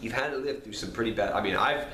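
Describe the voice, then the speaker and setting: Fast, bright, and forceful, this low-ish male voice belongs to a card game channel host who's nasal from a cold. Talking casually to camera, he rambles to his viewers, repeating himself and apologizing, in an echoey room with faint background noise.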